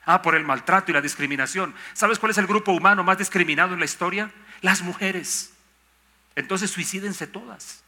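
A man's voice: high voice, normal speed, sharp tone. An older man, a pastor preaching a sermon emphatically, with rhetorical questions and mock objections.

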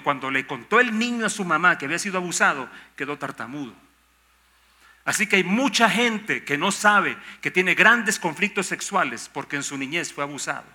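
A man's voice: fairly high pitch, pushed and bright. An older man, a pastor preaching a sermon emphatically, with rhetorical questions and mock objections.

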